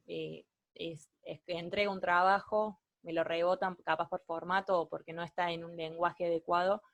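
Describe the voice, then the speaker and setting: A young woman with an Argentine Spanish accent walks students through academic writing, pausing and restarting her sentences. Her voice sits low, and the recording is dry and close. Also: no echo. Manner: hesitant, self-correcting, explanatory. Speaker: student tutor leading a writing workshop. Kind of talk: online workshop explanation.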